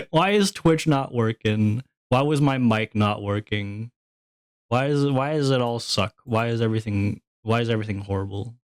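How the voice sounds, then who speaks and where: A male streamer chatting to his viewers with heavy sarcasm and exasperated grumbling. His voice sits at an ordinary middle pitch, recorded dry and close. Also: normal speed, smooth, dry recording. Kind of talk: casual livestream chat.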